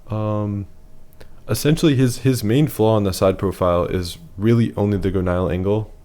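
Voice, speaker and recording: A man's voice: lowish voice, normal speed, mellow. A man losing his voice, giving a casual, matter-of-fact voice-over that rates features one by one. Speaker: facial analysis presenter.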